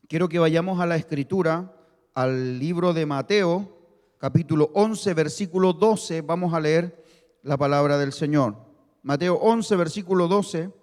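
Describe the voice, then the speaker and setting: A male pastor preaching a sermon, teaching slowly and having the congregation repeat key words. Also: sits high. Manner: explains word meanings slowly, stresses key words. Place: church hall. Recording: long reverb of a church hall.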